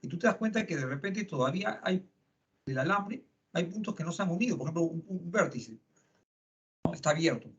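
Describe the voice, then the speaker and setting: Male lecturer, middle-aged, fairly high voice, chatty with tag questions, dull lo-fi classroom recording. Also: lively intonation, a little fast. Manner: conversational, frequent tag questions. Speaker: psychology lecturer.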